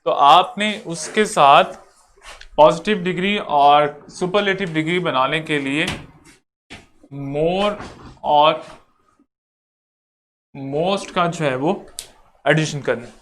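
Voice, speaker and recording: A man teaching an online lecture, going over each rule slowly and repeating it step by step. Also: a little high, fairly bright tone, a little hiss or hum. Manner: repetitive, explains slowly step by step.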